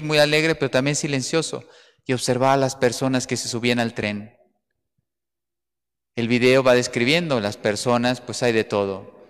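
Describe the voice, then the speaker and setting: Priest with a smooth resonant voice in a reverberant hall. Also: male voice, medium pitch, fairly bright tone. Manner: earnest storytelling, pausing and repeating words. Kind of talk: homily. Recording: long church reverb.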